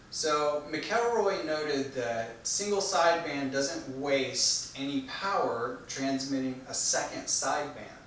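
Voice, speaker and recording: A man delivering an explanatory technical speech in a measured, didactic manner, posing questions and then answering them. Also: mid-range voice, fairly bright tone. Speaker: presenter giving an informational speech. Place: echoey room, recorded from a distance. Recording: very echoey room, distant mic, faint noise.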